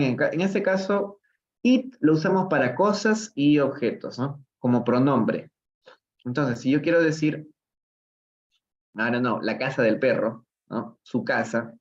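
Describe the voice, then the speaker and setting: A man with a Peruvian Spanish accent teaching English live online, explaining step by step and asking questions of the chat. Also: mid-range voice. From Peru. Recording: slightly dull, lo-fi livestream audio.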